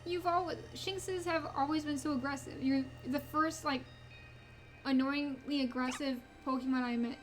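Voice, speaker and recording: A woman's voice: high-pitched, fairly even intonation, normal speed, soft background music. A woman giving casual let's play commentary as she plays a video game. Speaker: gamer playing and commenting.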